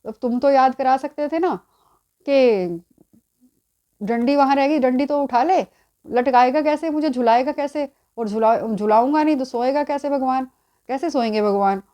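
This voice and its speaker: A woman's voice: sits high, moderate pace, mellow, pitched above the performer's own voice, lightly acted. A woman voicing an elderly male devotee who insistently pleads with God in a devotional story. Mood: pleading.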